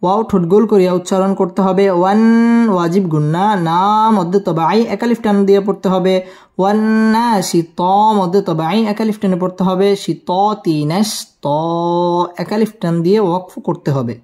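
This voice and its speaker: A woman teaching Quran recitation, spelling out each word syllable by syllable and then slowly chanting the verse. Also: lowish voice, mellow. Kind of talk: slow spelling-out tajweed lesson.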